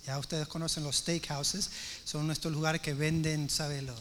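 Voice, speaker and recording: A man preaching by telling a chatty personal story, acting out the dialogue with animated energy. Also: a little high, moderate pace, slight background noise. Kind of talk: sermon storytelling.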